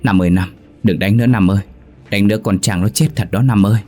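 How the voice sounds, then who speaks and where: A man's voice: lowish voice, fast talker, darkish tone, natural voice. A frightened young woman begging, as a man reads her. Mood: pleading. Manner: urgent, pleading.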